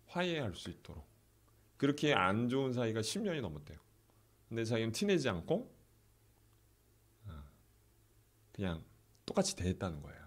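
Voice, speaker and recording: A middle-aged pastor telling a story in a sermon, softly acting out the prayers of the people in it. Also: male voice, lowish voice. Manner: soft-spoken, acts out quoted prayers, laughs often.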